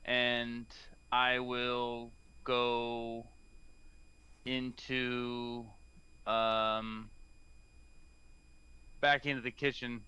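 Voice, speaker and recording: A man's voice: medium pitch, level tone, drawn-out words, pauses often, bright, forceful tone, clear, resonant tone, muffled recording. A man playing in a tabletop game, describing his actions hesitantly with many fillers. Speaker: player.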